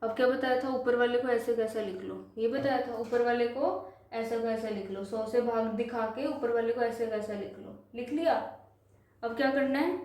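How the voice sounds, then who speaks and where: A woman teaches a simple math lesson, patiently repeating each step and slowing down to read numbers digit by digit. Her voice sits fairly high but sounds soft and mellow. The recording is very echoey, as if made in a bare room. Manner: patient, repetitive, slows to spell out numbers.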